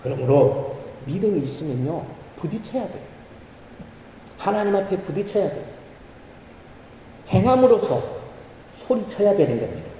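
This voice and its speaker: A man's voice: sits high, big pitch swings, moderate pace, long pauses, mellow, a little hiss or hum. A man preaching a sermon as pastor, with emphatic rises, rhetorical questions and acted-out prayers. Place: church sanctuary. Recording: echoey church hall from far off.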